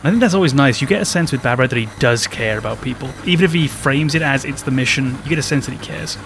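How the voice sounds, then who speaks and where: A man's voice: medium pitch, fast, a bit bright, slight background noise. A man, hosting a let's play and chatting reflectively about what he likes in the game. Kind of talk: casual game commentary.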